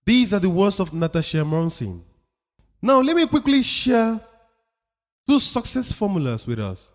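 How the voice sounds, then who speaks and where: A man's voice: sits high, big pitch swings, a little slow. A man giving a motivational talk, emphatic and preachy, repeating his points for effect. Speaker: motivational speaker. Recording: long reverb of a hall.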